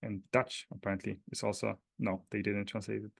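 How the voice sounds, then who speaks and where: A man from Poland, speaking with a Polish accent, gives a casual, hesitant technical demo of a data dictionary. His fairly low voice keeps a level tone and a slightly fast pace, with vocal fry and a breathy edge.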